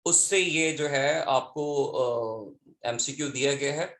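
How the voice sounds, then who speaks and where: A man's voice: medium pitch, takes it slowly, fairly bright tone, echoey room. A male teacher with a Pakistani accent, reading exam questions and options aloud and mixing Urdu with English. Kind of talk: exam solution lesson.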